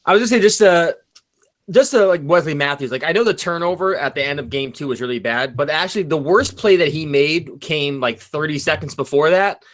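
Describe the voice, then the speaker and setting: A man talking sports in a loud, excitable way, like a co-host who gets hyped up. His voice sits a bit high and sounds sharp and bright. This is a relaxed, casual chat. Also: fairly quick.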